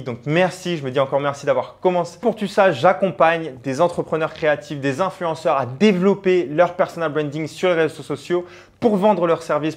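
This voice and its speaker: A young man, a personal branding coach, talking earnestly and directly to the viewer in a motivational vlog, with frequent fillers. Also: on the high side. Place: abroad on travel.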